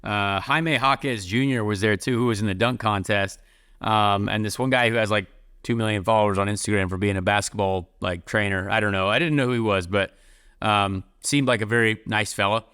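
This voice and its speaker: Bright, crisp man telling a story. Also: on the low side, steady tone, brisk. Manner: rambling, heavy use of "like". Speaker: podcast host. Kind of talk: casual storytelling.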